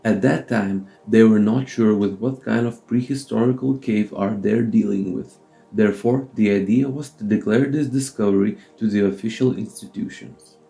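A man narrating a documentary script in a steady, measured way, with slightly non-native phrasing. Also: fairly low pitch, vocal fry, faint music behind, rough recording.

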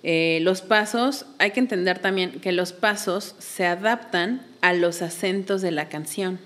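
A woman's voice: fairly low pitch, a little slow, fairly bright tone. A woman, a belly dance teacher, explaining patiently in a casual interview and counting beats aloud.

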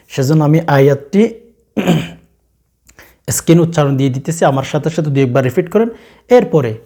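A man with a Bangladeshi Bengali accent instructs viewers in a religious practice. His voice is mellow and dark, at a middling pitch for a man. He talks directly to his listeners and slows to a drawn-out chant when reciting verses. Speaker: Islamic religious teacher.

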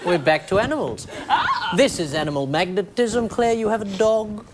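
A man hosting a comedic panel show, reading headlines with deadpan punchlines. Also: sits high, normal speed. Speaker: quiz show host. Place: television studio with live audience. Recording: loud studio audience and noise.

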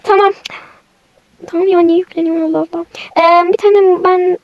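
High-voiced woman playing a toy game. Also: steady tone, moderate pace, dry recording, dull audio. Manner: chatty, switches between characters. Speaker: role-play channel host. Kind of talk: toy game role-play narration.

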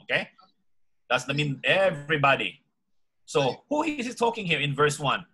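A man preaching in an interactive Bible lesson, putting questions to his listeners and reading verses slowly with emphasis. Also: on the high side, sing-song, sharp tone, husky, low-quality recording.

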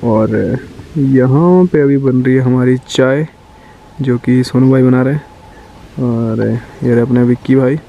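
A man's voice: medium pitch, unhurried, creaky, narrow, tinny audio. A young man in his twenties vlogging from a forest campsite, talking casually with lots of fillers as he shows viewers around. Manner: chatty, filler-heavy, guiding viewers around. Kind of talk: casual travel vlog. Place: outdoors in a pine forest campsite. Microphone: action camera held at arm's length.

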